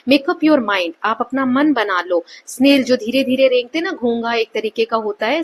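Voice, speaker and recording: A woman explaining a textbook lesson as a teacher, with an Indian accent. She goes slowly line by line and keeps checking in with her students. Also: a little high, breathy edge. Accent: Indian English.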